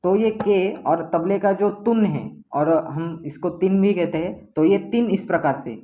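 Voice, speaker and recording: A man's voice: high voice, a little slow, warm tone. A man teaching tabla step by step, patiently repeating each stroke name as he demonstrates it. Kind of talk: step-by-step music lesson. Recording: tabla strokes played between speech.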